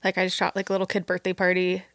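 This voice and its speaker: A woman's voice: on the low side, monotone, racing, fairly bright tone, dry recording, studio quality. A woman in her late twenties, a wedding filmmaker from Utah, answering podcast questions casually and a bit shyly, often saying like. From Utah, USA. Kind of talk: casual interview chat.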